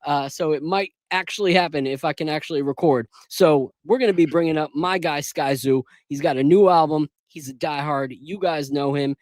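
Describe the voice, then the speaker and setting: A chatty man hosts a sports livestream in a casual, laid-back way, urging viewers to hit like. His voice sits a touch high. The sound is dry and close, with no room echo. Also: moderate pace, hardly any pauses, darkish tone. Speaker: podcast host.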